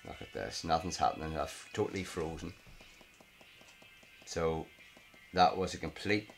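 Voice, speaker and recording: A deep-voiced man with a Northern Irish accent talks through his mobile game live from home at night. He mutters and swears in exasperation at the screen, with faint music playing behind him. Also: lively intonation, a little fast, vocal fry. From Northern Ireland. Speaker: gaming vlogger. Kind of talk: live gameplay commentary.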